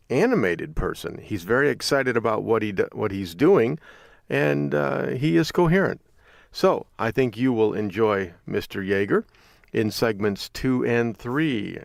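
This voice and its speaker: A man's voice: fairly low pitch, lively intonation, a little slow, gravelly, no room sound, studio quality. A middle-aged man from Michigan hosting a podcast, telling stories in a rambling, chuckling casual monologue. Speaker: podcast host.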